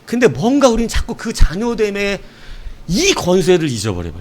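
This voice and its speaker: A middle-aged male pastor preaching a sermon in a playful, animated way, acting out prayers and quotes. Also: sits high, moderate pace.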